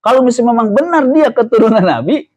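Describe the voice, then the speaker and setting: A man's voice: extremely high pitch, expressive, fast talker, darkish tone, no room sound. A man with an Indonesian accent giving a casual study sermon, chatty and joking as he asks the audience questions. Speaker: ustadz giving a religious study talk.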